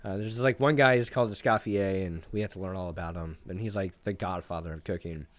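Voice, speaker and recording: A young man, a private chef, chatting casually on a podcast in a relaxed, rambling way full of fillers. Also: deep voice, fast. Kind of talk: casual interview chat.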